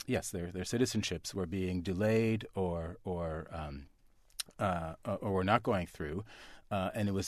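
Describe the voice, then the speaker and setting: A man's voice: deep voice, a little mellow, no echo, clean studio sound. A man from Canada, a guest author on a radio interview, speaking thoughtfully with frequent restarts and fillers. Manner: thoughtful, halting with many restarts.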